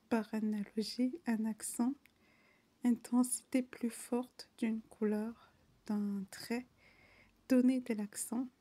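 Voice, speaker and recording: A woman softly reading dictionary entries aloud, often slipping into an unvoiced whisper, word by word and unhurried. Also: fairly high pitch.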